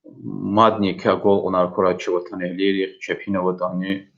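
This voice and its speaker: A man's voice: sits low, level tone, normal speed, gravelly. A native Lezgian man from Dagestan hosting an online dictation, addressing the participants. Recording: dull, lo-fi online audio.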